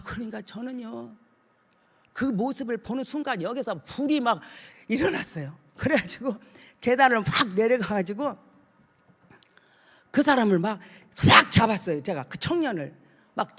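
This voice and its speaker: A woman associate pastor preaching a fervent sermon with a personal testimony, declaring and shouting with emphasis. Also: on the high side, expressive, moderate pace, breathy edge. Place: church sanctuary. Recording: long reverb of a church hall.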